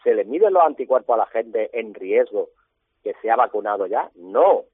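A husky-voiced man talks about his hospital work over a thin, tinny phone line. He sounds indignant and keeps throwing out pointed rhetorical questions. The line is dry, with no room sound. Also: fairly low pitch, animated, moderate pace, no room sound. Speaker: hospital doctor. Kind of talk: radio phone interview.

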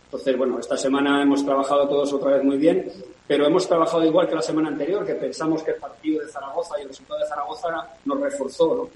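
A man, a football coach, giving measured press-conference remarks with frequent pauses and fillers. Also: on the high side, steady tone, darkish tone. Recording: echoey room from far off, faint hiss.

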